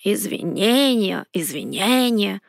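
A woman's voice: medium pitch, animated, takes it slowly, creaky, no echo, clean studio sound. A woman voicing a grumpy, sly male dragon in human form who grumbles and snaps. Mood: grumbling. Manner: grumbling, snapping.

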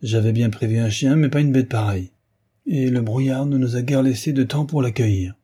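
A man reading the lines of a calm, commanding male detective in a measured, authoritative way. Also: medium pitch, breathy edge, close to an everyday voice. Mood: apologetic.

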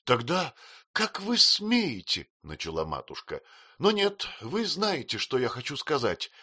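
A man voicing an emotional, tearful young widowed mother, in a high, plaintive, pleading voice. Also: huge pitch swings, normal speed, pushed and bright, slightly rough, heavily acted.

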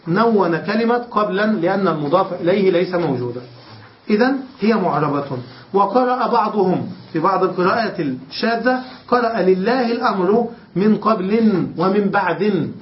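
A sheikh teaching Arabic grammar, explaining step by step and often checking that his students understand. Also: high voice. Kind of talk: classroom lesson. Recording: roomy, dull lo-fi lecture recording.

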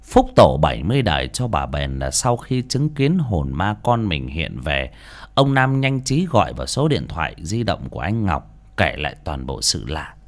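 A man narrating a ghost story as an audiobook, with an expressive, suspenseful delivery. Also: low-pitched, moderate pace. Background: faint music.

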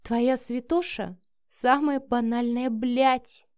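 A woman's voice: on the high side, expressive, measured pace, dark tone, no echo, clean studio sound, voice pushed up. Woman voicing a smug, scornful rival woman. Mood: contemptuous. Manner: sarcastic, cutting.

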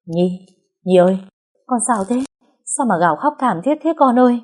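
A woman's voice: lowish voice, normal speed, mellow, husky. A woman voicing an anxious, caring older aunt who fusses over her niece. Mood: alarmed. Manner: fretful, fussing.

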